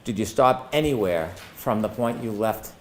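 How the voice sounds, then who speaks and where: A man's voice: lowish voice, normal speed. Formal male attorney questioning, noisy room sound. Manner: formal, precise, methodical. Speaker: prosecuting attorney. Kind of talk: courtroom witness questioning. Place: courtroom.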